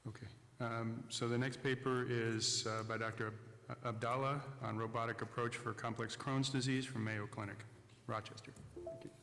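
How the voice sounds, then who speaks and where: A man moderates a conference session in a flat, even voice. His words are plain and short, with some fillers. A long hall reverb and faint noise sit behind him. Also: mid-range voice, moderate pace.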